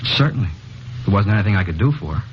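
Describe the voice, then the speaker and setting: A man playing a troubled young man confessing to a killing in a 1950s radio drama, flat and insistent, heard through a dull old broadcast recording. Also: fairly low pitch, quick pace, a little hiss or hum, close to an everyday voice.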